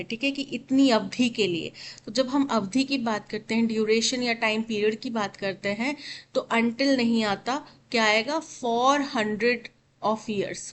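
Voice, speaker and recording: A woman teaching an English exam-prep lesson, explaining in Hindi and reading English sentences slowly and spelling words out letter by letter. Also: on the high side, slight background noise, poor audio.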